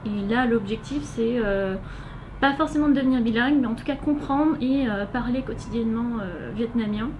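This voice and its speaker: Here the young French volunteer's voice sits on the high side and moves at a moderate pace, though the audio sounds dull. She answers the interviewer casually and haltingly in her French accent, using plenty of filler sounds, over a noisy hiss.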